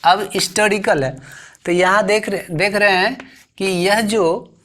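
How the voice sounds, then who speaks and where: Slow Indian grammar teacher, man. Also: high-pitched, bright, forceful tone, a little hiss or hum. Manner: slow, repeats words and asks rhetorical questions. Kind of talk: classroom lesson explanation.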